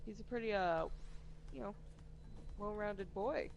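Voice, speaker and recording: A woman's voice: mid-range voice, a little slow, vocal fry, highs cut off, a little hiss or hum. A woman bantering playfully beside a gamer, teasing and joking as she watches. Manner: playful and teasing, jumps between joking and outbursts. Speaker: let's play co-host. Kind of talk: casual gameplay banter. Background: faint game music.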